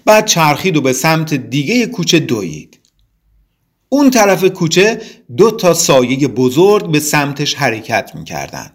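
Lively male children's storyteller. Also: a little high.

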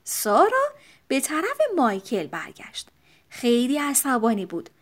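A woman narrating a children's storybook with expressive, animated storytelling. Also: sits high. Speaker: audiobook narrator.

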